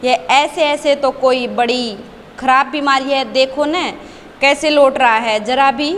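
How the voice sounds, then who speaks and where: A woman's voice: sits high, fairly even intonation, unhurried, fairly bright tone, big-room sound, slight background noise. A woman teacher reading the part of a worried mother fussing over her sick son. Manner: anxious, fussing.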